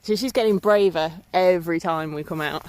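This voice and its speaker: A woman's voice: on the low side, a little fast, darkish tone. A woman, vlogging casually to a handheld camera in a farm field. She is slightly out of breath, chatty and giggly, with lots of ums. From England. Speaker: smallholding vlogger.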